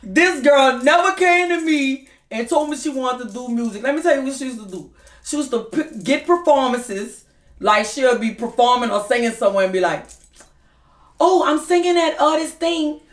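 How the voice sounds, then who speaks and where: A middle-aged woman talking bluntly and lively in a casual interview. Her voice sits a little high. The room around her is echoey. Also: moderate pace. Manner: blunt, swearing, lively storytelling. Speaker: guest, mother and music artist.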